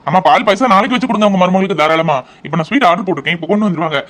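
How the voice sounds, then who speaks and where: A man voicing an excited young husband in a cartoon family drama. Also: high voice. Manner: eager, rushed, joyful.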